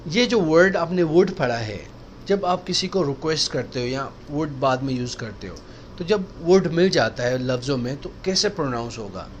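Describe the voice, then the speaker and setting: A man teaching English pronunciation in a recorded lesson, repeating sounds and phrases slowly to drill them. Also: fairly high pitch, animated, highs cut off, a little hiss or hum. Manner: drills sounds with slow, drawn-out repetitions.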